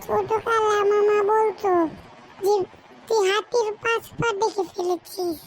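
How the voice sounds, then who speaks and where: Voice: very high voice, fairly even intonation, a little slow, a little hiss or hum. A voice actor playing a silly, dim-witted young job seeker who stammers cluelessly. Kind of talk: comic cartoon dub.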